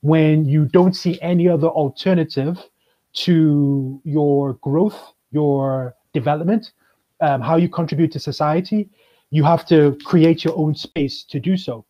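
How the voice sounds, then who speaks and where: A Kenyan chamber of commerce manager, appearing as a guest on a video call, explains things in a measured way with frequent ums. His voice is a little high and steady. He's in a plain indoor room using a webcam, and the call audio sounds dull and lo-fi.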